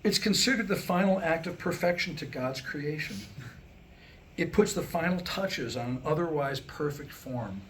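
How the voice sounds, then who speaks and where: With a slightly high, animated voice at a normal pace, a man delivers a funny monologue of his own writing to a small audience, wry and mock-learned, full of rhetorical questions. The poor-quality audio has a little hiss or hum.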